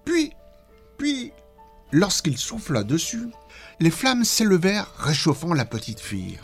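A man narrating a children's story in an expressive, dramatic way. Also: a little high, normal speed, creaky, soft background music.

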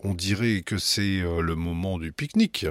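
A man's voice: low-pitched, normal speed, dry recording, clean studio sound, lightly acted. A man voicing a proud father who shows off the sights in a storybook reading. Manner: proud, showy.

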